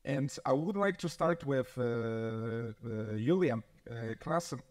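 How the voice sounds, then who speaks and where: A man's voice: mid-range voice, animated, takes it slowly, a little mellow. Man, panel moderator, polite, hesitant, lots of ums, medium voice. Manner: hesitant, many fillers, polite. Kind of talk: formal event hosting.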